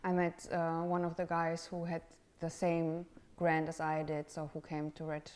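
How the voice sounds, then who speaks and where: A woman from Romania, working as an artist in residence, gives casual interview answers in a low, slow, monotone voice with a darkish tone. She sounds hesitant, searching for words and using many fillers.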